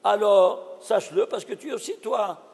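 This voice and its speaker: A man teaching a Torah lesson as a rabbi, animated and exclaiming, often asking his audience questions. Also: high voice, moderate pace, gravelly, husky, big-room sound.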